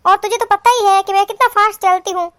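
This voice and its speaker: Woman voicing a bickering cartoon sister-in-law, super high and bright, always scolding. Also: steady tone, fast, no room sound, clean studio sound. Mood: fussy complaint. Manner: scolding, insulting. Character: quarrelsome sharp-tongued young woman, a wife's sister-in-law. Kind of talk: cartoon voice acting.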